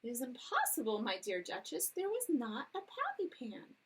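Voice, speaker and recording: A woman's voice: fairly high pitch, huge pitch swings, normal speed, husky, voice pushed up, heavily acted, low-quality recording. A woman voicing a proper lady cat hostess in a storybook reading, formal and severe.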